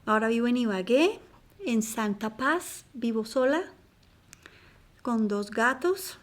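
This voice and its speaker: A middle-aged woman from Colombia giving a slow, hushed personal testimony in an interview, often dropping to a near whisper. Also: fairly high pitch, animated.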